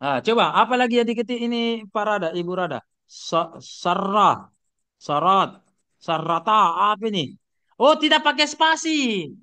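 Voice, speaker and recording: A man's voice: extremely high pitch, expressive, a little fast, pushed and bright, smooth. A middle-aged man lecturing an online class, asking his students questions and repeating points with many fillers. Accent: Indonesian.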